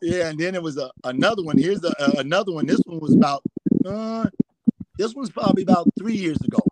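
Middle-aged male guest, slightly high voice, animated rambling storyteller, audience crowd audible. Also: fast talker, poor audio. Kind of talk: storytelling anecdotes.

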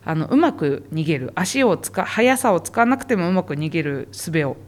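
A woman's voice: on the low side, sing-song, normal speed, a little mellow. A woman who works as a zoo animal specialist, explaining animal behavior patiently and in detail for a podcast interview.

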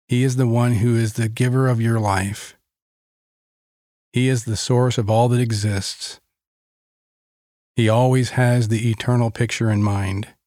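Slow, calm man guiding a meditation. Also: medium pitch, dry recording, clean studio sound. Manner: slow, calm, deliberate with long pauses. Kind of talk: guided meditation with Bible teaching.

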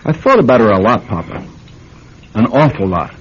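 An actor playing a polite, hesitant young soldier home from war in a radio drama. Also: male voice, medium pitch, big pitch swings, lightly acted. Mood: earnest, hesitant. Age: young adult. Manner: polite, halting, mild. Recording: dull, noisy old radio recording.

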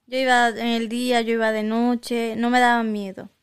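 A woman with a smooth, resonant voice set a little high chats casually. She tells her story haltingly, circling back and restarting, and slips in English words now and then. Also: flat delivery. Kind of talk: casual chat.

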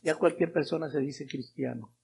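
A man's voice: on the high side, moderate pace, vocal fry, darkish tone, a little hiss or hum. A middle-aged male pastor preaching a sermon, repeating phrases for emphasis and asking the congregation rhetorical questions.

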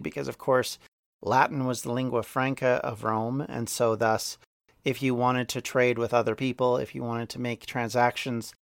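A man hosting a history podcast, talking through the topic in an unscripted explainer style, thoughtful, sometimes restarting words and slowing to stress key points. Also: medium pitch, no room sound, clean studio sound. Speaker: podcast host.

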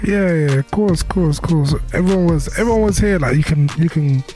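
A young man with a London roadman accent chatting casually as an interview guest, slangy, halting and repeating himself. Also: fairly high pitch, mellow, faint music behind. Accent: London, urban street slang. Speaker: rapper, podcast guest.

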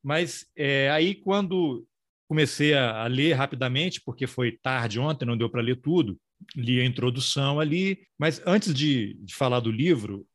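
A man's voice: mid-range voice, animated, measured pace, no echo. Teasing male interviewer, dry sound. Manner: teasing, playful questioner. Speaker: interviewer, host. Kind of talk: casual interview chat.

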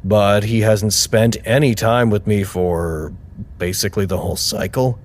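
A worried, hesitant coworker, played by a man in an audio drama. His voice is very low, with faint noise in the background. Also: fairly even intonation, a little slow, lightly acted.

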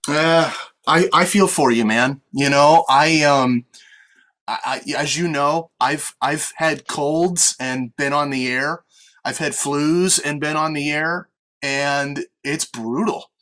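A man's voice: a little high, slow pace, fairly bright tone. An American man hosting a casual sports podcast, chatting conversationally over an online call. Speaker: podcast host with on-air experience. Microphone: online video meeting call.

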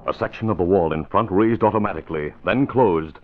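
A man's voice: sits low, fairly quick, background noise. A man reading dramatic scripted narration for a mid-century radio adventure serial. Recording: dull old radio recording.

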